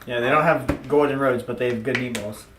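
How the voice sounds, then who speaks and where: A game master running a tabletop session, relaxed and chatty. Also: mid-range voice, a little fast, echoey room, far from the mic, noisy background. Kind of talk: casual tabletop chat.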